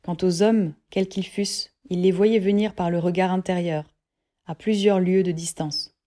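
A woman narrating a literary audiobook in a measured, even reading voice. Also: fairly low pitch.

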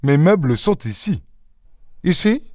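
A man voicing an excitable, effusive middle-aged château owner, his voice raised high. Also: slow pace, no room sound, studio quality. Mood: insistant. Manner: exuberant, effusive.

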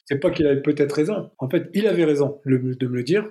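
A man from France, a former athlete and podcast guest, telling long stories in a relaxed, slangy way with many fillers. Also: a little high, quick pace. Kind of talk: casual storytelling interview.

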